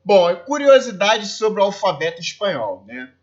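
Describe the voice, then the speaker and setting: Brazilian man teaching in a high voice. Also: big pitch swings, moderate pace, muffled recording. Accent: Brazilian Portuguese. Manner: explains step by step, checks with "ok?" and "né?". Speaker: Spanish teacher. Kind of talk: recorded classroom lesson.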